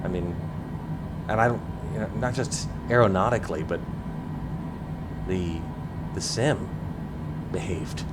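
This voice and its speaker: Male sim streamer, fairly low register, stuffed with a cold, informal running commentary over heavy cabin noise. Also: a little slow, long pauses. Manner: informal, musing aloud. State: has a cold. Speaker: flight simulator streamer. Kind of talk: casual gameplay commentary. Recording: voice under loud cockpit engine noise. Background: loud aircraft cabin hum.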